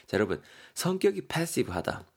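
A man's voice: a little high, very animated, brisk, creaky. A man teaching English vocabulary on a podcast, friendly, spelling words letter by letter.

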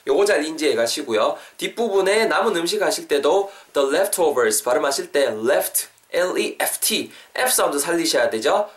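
A man teaching English phrases in a podcast lesson, slowly drilling each phrase and laughing at his own slips. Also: fairly high pitch. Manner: lively, switches between Korean and slow drilled English.

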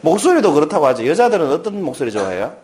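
Animated male lecturer quizzing an audience. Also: fairly high pitch, racing. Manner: playful, jokes and quizzes the audience. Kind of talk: lively lecture with audience questions.

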